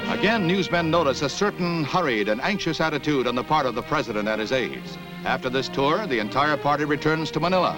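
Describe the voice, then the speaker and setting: An old 1960s newsreel narration by a man with a slightly high voice. He delivers each line in a formal, declamatory announcer style, and music plays clearly underneath him. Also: animated, brisk, hardly any pauses, poor audio. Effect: old newsreel soundtrack.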